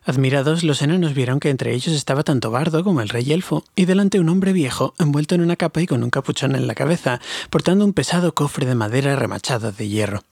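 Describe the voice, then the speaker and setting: A man reads a fantasy audiobook in an even, steady storytelling manner. His voice is husky, and the homemade recording is dry and close with no room sound. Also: medium pitch, dry recording. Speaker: audiobook reader. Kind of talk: audiobook narration.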